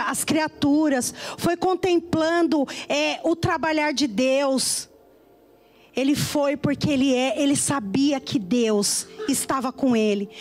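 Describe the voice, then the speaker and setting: A woman preacher giving a sermon in church, retelling a story in a conversational way with frequent tag questions. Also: high voice.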